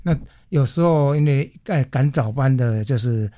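A man co-hosting a radio talk show, chatty and casual, dropping many quick affirmations. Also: medium pitch, mellow. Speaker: radio co-host.

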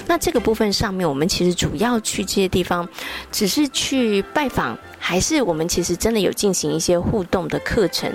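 A woman's voice: fairly low pitch, creaky. A woman with a Taiwanese Mandarin accent hosting a radio interview, asking questions and affirming with short replies. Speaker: radio host.

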